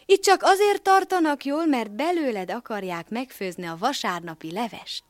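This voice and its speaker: Woman doing a wise old storybook cat, persuasive, lively voice, dry sound. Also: fairly high pitch, no echo, voice pushed up, lightly acted. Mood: knowing. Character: old female cat, worn but wise.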